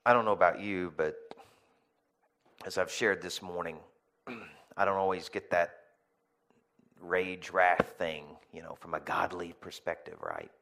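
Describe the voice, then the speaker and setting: A man's voice: deep voice, lively intonation, measured pace, vocal fry, pauses often, fairly bright tone. A man preaching a sermon in a conversational, emphatic way, repeating key phrases and checking in with "okay?" and "right?". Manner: tags lines with "okay?" and "right?". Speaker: pastor.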